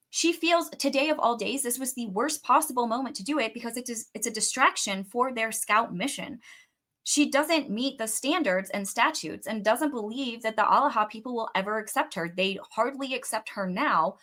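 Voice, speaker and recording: Her voice a little high and fairly bright, a young woman hosting a book podcast casually recaps a chapter. She shares her own theories along the way and swears now and then.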